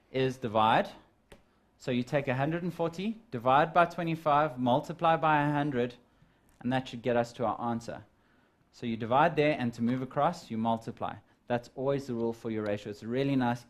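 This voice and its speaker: A man teaching a live physical sciences lesson, walking students through measurements and calculations and calling them "guys". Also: medium pitch. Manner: step-by-step explaining, addresses students as guys.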